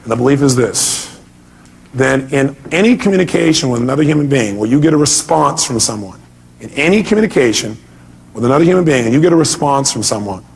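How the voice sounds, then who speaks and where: Leading a motivational seminar, a man with a distinctly high, gravelly voice speaks emphatically. He throws rhetorical questions at his audience, acts out people's reactions, and hammers his main points through repetition.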